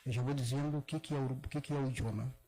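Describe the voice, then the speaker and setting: An older man from southern Brazil, a religious elder giving a halting public talk with many restarts and slowly drawn-out demonstration words. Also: medium pitch, steady tone, dark tone, rough recording. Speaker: Afro-Brazilian religious elder speaking at a gathering. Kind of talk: public talk, explaining pronunciation.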